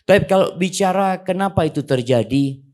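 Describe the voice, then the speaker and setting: A middle-aged man preaching an animated Islamic lecture, asking the audience questions and reciting Arabic verses. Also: sits high, brisk.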